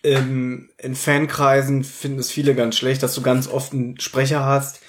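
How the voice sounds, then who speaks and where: A man's voice: medium pitch, little pitch movement, normal speed, slight background noise. A man co-hosting a podcast, chatting casually and jokingly with strong opinions about a radio play. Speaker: podcast co-host.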